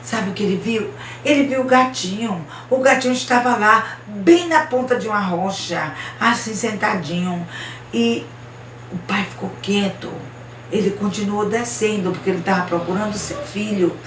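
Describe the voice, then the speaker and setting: Woman storyteller for children, expressive, roomy distant recording. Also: medium pitch, moderate pace, a little hiss or hum. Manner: expressive, asides to listeners. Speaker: missionary storyteller. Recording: roomy, distant mic, faint ambience.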